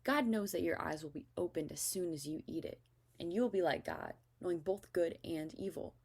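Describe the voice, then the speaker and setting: A woman voicing a shrewd, tempting serpent in a Bible story reading, with slow, drawn-out persuasion. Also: fairly low pitch, sing-song, creaky, a little mellow, breathy edge, full character voice. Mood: sly, persuasive.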